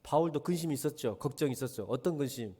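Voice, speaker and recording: Middle-aged pastor guy preaching, pitch jumps all over, scolds the church, asks them stuff straight out. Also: expressive, fast talker, breathy edge. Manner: blunt, scolding preacher who swings from quiet to shouting; talks directly to the congregation with rhetorical questions. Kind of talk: sermon.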